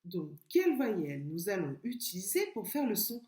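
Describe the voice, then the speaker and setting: A woman kindergarten teacher giving a remote literacy lesson to young children, slowly and patiently sounding out letters and syllables. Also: mid-range voice, sing-song, warm tone. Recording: echoey room.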